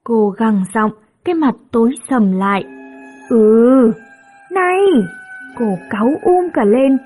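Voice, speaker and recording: A woman narrating a story in a gentle, measured storytelling voice. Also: fairly high pitch, lively intonation. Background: soft music.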